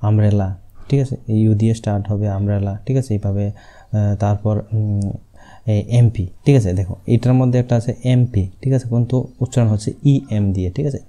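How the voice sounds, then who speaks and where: A man's voice: lowish voice, steady tone, warm tone. A man with a Bengali accent teaching an exam-prep grammar lesson, explaining each point step by step and checking with his students after each one. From Tripura, India. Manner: reads English rules slowly, word by word.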